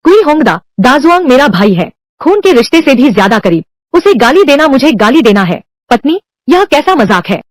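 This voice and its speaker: High, lively woman dubbing every part. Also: normal speed, hardly any pauses, no room sound. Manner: reads all male and female parts in one unchanged voice. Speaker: voice-over dubber. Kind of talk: dubbing every character of a drama alone.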